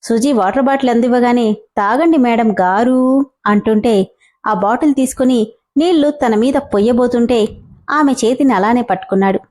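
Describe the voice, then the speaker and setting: A woman narrating a serialized story in a steady, even reading voice. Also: a little high, brisk.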